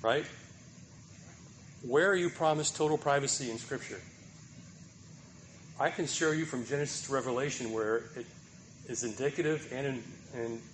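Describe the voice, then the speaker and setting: A man delivers a sermon at an ordinary middle pitch. He presses his points with rhetorical questions and keeps checking in with his listeners. A faint noise sits under the recording. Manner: rhetorical questions, emphatic, tag "right?". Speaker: preacher.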